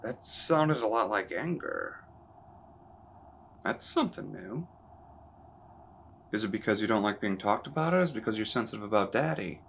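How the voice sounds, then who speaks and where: A man's voice: fairly low pitch, lively intonation, moderate pace, vocal fry, long pauses, fairly bright tone, a little hiss or hum. An actor playing a burnt-out, cynical crisis hotline counselor, defiant and crude as he pushes back at a caller. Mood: confrontational. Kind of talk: film drama acting.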